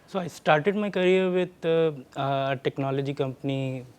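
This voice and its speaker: A man with a Pakistani accent answering interview questions in a hesitant, halting way. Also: fairly high pitch, clean tone. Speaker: interview guest, tech executive.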